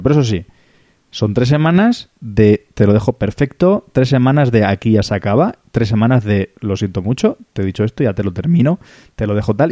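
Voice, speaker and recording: Low, dry-voiced rambling man. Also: warm tone, no echo. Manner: rambling, earnest explanations with many restarts. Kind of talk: casual chat.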